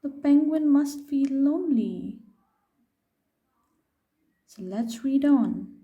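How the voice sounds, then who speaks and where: Reading a picture book to kids, this woman sits high in pitch and takes an expressive, leisurely pace. She pauses now and then to quiz her young listeners. The recording's highs are cut off.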